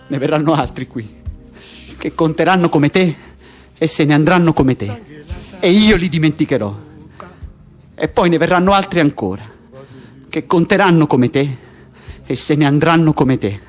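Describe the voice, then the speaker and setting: In intense, naturalistic radio theatre, an actor voices a bitter political prisoner sunk in resigned despair. He keeps pressing his cellmate, insistent and repetitive. His voice runs on the high side.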